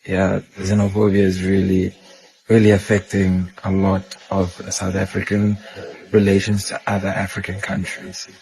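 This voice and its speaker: A man's voice: deep voice, monotone, moderate pace, a little mellow, breathy edge, low-quality recording. A man talking casually about his travels, rambling, with lots of filler words. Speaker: traveler sharing an experience. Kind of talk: casual vlog-style talk.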